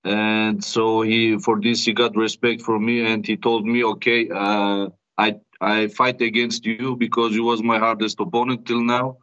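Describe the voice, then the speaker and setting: A man who is not a native speaker, talking haltingly as a fighter in a casual interview. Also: on the low side, level tone, a bit bright. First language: not English. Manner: halting, repeats tags like "you know". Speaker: MMA fighter being interviewed. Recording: dull, muffled audio.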